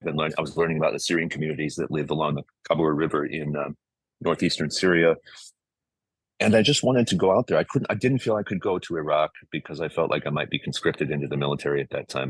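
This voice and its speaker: Rumbling low with a breathy edge, a middle-aged American man from the San Francisco Bay Area speaks in a dry recording. As a musician and music compiler being interviewed, he answers reflectively and earnestly, often reaching for words.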